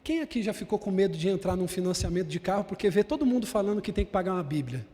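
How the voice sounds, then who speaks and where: High-voiced emphatic preaching man. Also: animated, very fast, dark tone, big-room sound. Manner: emphatic repetition, addressing congregation as irmão. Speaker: bishop preaching. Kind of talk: sermon. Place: large church hall.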